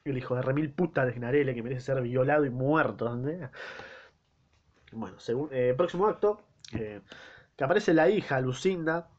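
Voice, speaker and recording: Argentine man, casual play reader, crude jokey asides, mid pitch, dull lo-fi sound. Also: moderate pace, darkish tone. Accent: Argentine Spanish. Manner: crude, joking slang asides. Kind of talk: casual play reading with commentary.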